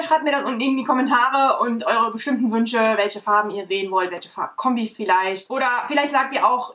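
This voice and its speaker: A woman's voice: on the high side, fairly bright tone. A young woman chatting casually through a makeup tutorial, rambling with lots of fillers, filmed by a camera at desk distance at home. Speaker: beauty vlogger. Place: bedroom or home studio, indoors.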